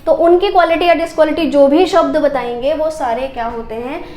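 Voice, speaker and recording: A woman's voice: high-pitched, steady tone, fairly quick, dark tone, roomy sound, slight background noise. A woman teacher giving a grammar lesson, explaining step by step and asking questions she answers herself.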